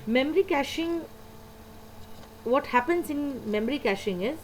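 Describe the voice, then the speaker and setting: A woman's voice: sits high, expressive, normal speed, a little hiss or hum, poor audio. A woman, teaching a computer lesson and patiently repeating the key points. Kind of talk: lecture explaining slides.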